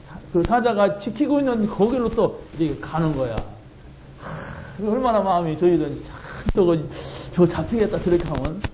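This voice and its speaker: Male pastor, lively storytelling sermon, slightly high voice, warm mellow tone. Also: moderate pace, reverberant, slight background noise, poor audio. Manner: animated storytelling, laughs often. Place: church sanctuary.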